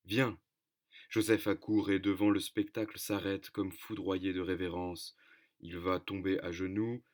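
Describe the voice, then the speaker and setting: A man narrating a devotional story in a solemn, reverent manner. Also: sits low. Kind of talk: devotional scripture-style reading.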